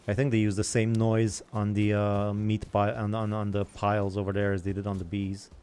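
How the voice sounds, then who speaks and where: A man's voice: lowish voice, completely flat delivery, moderate pace, darkish tone, a little hiss or hum. A young man hosting a gaming channel, rambling in casual chatter as he plays and comments on other games.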